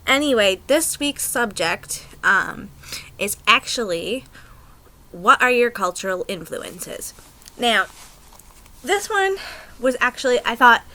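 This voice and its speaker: A young American woman talks straight to her camera in a rambling, chatty way, full of ums and small bursts of excitement. Her voice is bright and clear, at a middling pitch. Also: rough recording. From United States. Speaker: pagan vlogger. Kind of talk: casual chat to camera.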